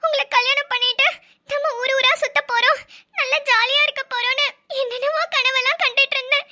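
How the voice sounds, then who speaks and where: A woman's voice: very high-pitched, fairly even intonation, brisk, pushed and bright, heavily acted. A woman voicing a lovesick young cartoon woman who whines and pleads. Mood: whiny. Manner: whining, pleading. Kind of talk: cartoon voice acting.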